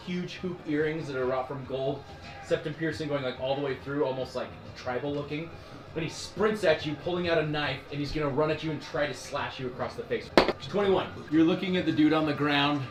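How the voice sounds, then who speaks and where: A man narrating a tabletop game as game master, animated, laughing often and filling his speech with "like". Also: fairly high pitch, reverberant, poor audio.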